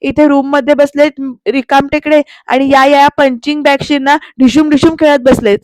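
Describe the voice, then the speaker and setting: A woman reading the lines of a sharp-tongued young woman who scolds a spoiled heir in a loud, mocking way. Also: high voice, fairly even intonation, normal speed, no room sound, close to an everyday voice. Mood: scolding.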